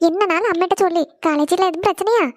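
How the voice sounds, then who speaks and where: A fussing, scolding cartoon mother, as a woman puts her on. She scolds quickly in a clear, high voice. The recording is dry and close. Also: no room sound. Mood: worried. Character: scolding worried middle-aged village mother. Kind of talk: cartoon voice acting.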